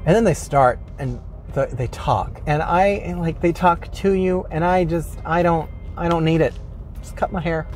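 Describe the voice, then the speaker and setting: A slightly high-voiced man complaining from behind the wheel. He is rambling and self-mocking, and faint music plays underneath. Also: a little mellow. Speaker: vlog host. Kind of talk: casual comedic rant. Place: in his car while driving.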